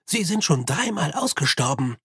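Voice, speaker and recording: A man doing a calm, lecturing old monk. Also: fairly high pitch, breathy edge, dry recording, clean studio sound, heavily acted. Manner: measured, lecturing.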